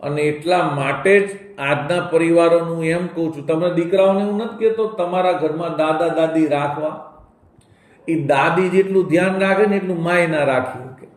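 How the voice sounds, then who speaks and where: A man delivers an emotional moral talk in a somewhat raised voice. He moves between storytelling, a mother's soft replies and direct appeals to his listeners. The recording carries a strong room echo. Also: on the high side, normal speed. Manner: addresses listeners as "saheb" and urges them directly. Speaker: moral speaker. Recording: echoey room.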